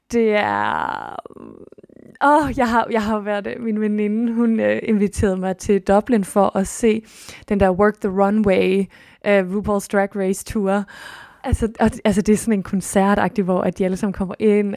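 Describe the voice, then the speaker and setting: A woman hosting a solo podcast, talking in a casual, expressive and chatty way, restarting often and swooping up now and then. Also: mid-range voice, dry recording, clean studio sound. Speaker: podcast host.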